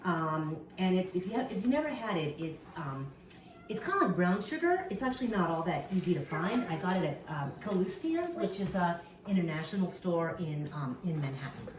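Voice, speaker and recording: A woman's voice: lowish voice, sing-song, fairly quick. A woman from Burma, a mother, casually explaining a family cooking activity at home to her children's classmates. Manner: warm explaining to schoolchildren, chatty with fillers. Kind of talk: casual home video narration. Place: home kitchen. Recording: echoey kitchen, camera far off, noisy.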